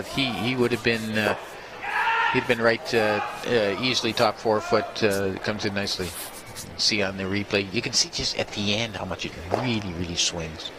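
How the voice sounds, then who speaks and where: Man, lowish voice, halting conversational sports analysis, curling color commentary, noticeable background noise.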